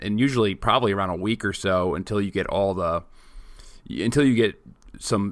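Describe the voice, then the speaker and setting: A man's voice: fairly low pitch, a bit bright, no room sound, studio quality. A man in his late twenties co-hosting a casual podcast chat, joking and rambling with many restarts. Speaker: podcast co-host.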